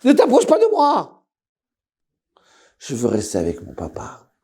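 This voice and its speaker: A man playing a grieving young man who shouts and refuses to see his father. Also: mid-range voice, lively intonation, moderate pace, gravelly. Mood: shouting. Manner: shouting, pleading.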